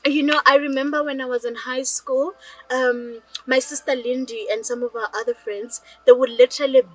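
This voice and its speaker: A young woman with a South African accent speaks directly to her viewers in a personal vlog. Her voice sits high and she keeps pulling the listener in with questions. Her first language is Northern Sotho. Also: fairly even intonation, moderate pace, low-quality recording. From rural South Africa. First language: Northern Sotho (Lobedu). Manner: chatty, addresses viewers directly with rhetorical questions. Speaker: storyteller.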